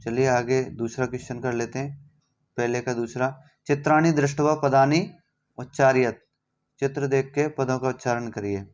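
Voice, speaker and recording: A man's voice: medium pitch, steady tone, moderate pace, a little mellow. A man teaching a lesson, who reads out each word and then explains it patiently.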